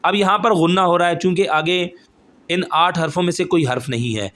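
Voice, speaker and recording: A man's voice: sits high, fairly bright tone. A man teaching Quran recitation rules step by step, explaining patiently and often checking that the listener follows. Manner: explains rules patiently, then recites phrases slowly and drawn out.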